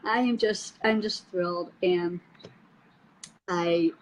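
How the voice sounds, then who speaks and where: A middle-aged woman telling her story in a casual chat over a video call, lively and often laughing. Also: on the low side, slow, rough recording. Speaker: guest sharing her story.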